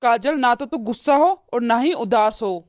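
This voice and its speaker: A woman's voice: a little high, normal speed, no room sound, muffled recording, lightly acted. A woman voicing a young cartoon husband who is torn between his wife and his parents. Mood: placating. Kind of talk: cartoon voice acting.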